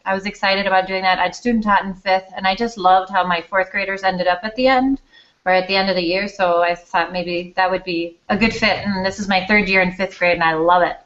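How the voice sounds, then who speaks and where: This Danish woman, an elementary school teacher, speaks at a medium pitch with a fairly bright tone. She tells her story in an interview, candid, chatty and self-deprecating. The recording is lo-fi and slightly dull.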